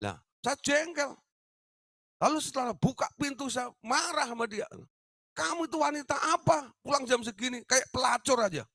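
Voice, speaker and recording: A man acting out an exasperated mother who scolds her daughter in a shrill, indignant voice. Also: normal speed, fairly bright tone, no room sound, studio quality.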